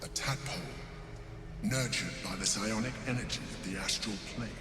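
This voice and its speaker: Video game mind-flayer emperor: lowish voice, formal, solemn, quietly persuasive, over prominent music. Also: male voice, normal speed. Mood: solemn, coaxing. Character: calm, persuasive male mind-flayer emperor urging evolution.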